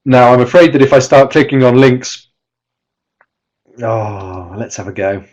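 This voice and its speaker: A man's voice: medium pitch, a little slow, a little mellow, dull audio. Man presenting a live online webinar. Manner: explanatory, with many restarts and stressed example words. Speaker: teacher trainer giving a webinar talk. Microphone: computer mic with webcam.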